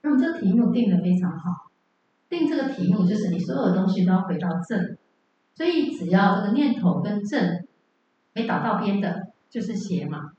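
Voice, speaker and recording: A woman's voice: mid-range voice, very animated, fairly quick, dark tone, a little hiss or hum. A woman teaching Buddhism in a lecture hall, telling stories and asking the audience rhetorical questions. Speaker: dharma teacher. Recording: dull, echoey, from far off.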